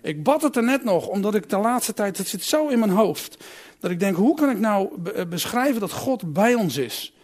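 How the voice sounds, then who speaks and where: A male preacher delivering a sermon with a fairly high, lively voice that leaps up and drops back down. He puts questions straight to his congregation. He moves between loud, emphatic calls and quiet, thoughtful asides. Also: normal speed. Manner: asks the congregation direct questions.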